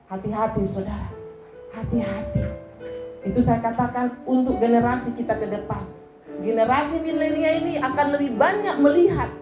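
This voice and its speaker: A woman pastor with a Batak accent, preaching a lively, jokey sermon and then leading a prayer. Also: high-pitched. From Indonesia. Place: church hall. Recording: echoey church with music behind.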